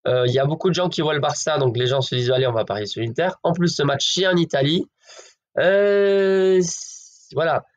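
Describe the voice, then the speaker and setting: A man's voice: a little high, normal speed, muffled recording. A man giving football betting predictions in a casual, chatty way, talking straight to his viewers with lots of fillers. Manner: chatty, addresses viewers as friends, hedges with fillers.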